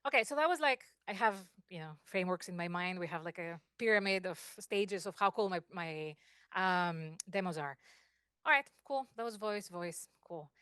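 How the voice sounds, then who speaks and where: A woman with a Greek accent talks to a meetup audience in a classroom, energetic and conversational. She keeps checking in with the room. The sound is close and dry. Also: fairly low pitch, normal speed, smooth, dry recording. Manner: animated, checks in with 'right?' and 'okay?'. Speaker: guest speaker. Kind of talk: fireside chat with live demos.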